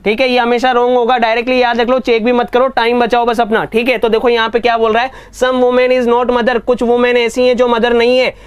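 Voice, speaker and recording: A man teaching an online reasoning class, often asking whether students have understood and reading statements out slowly. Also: very high-pitched, flat delivery, smooth, no room sound. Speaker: exam coaching teacher.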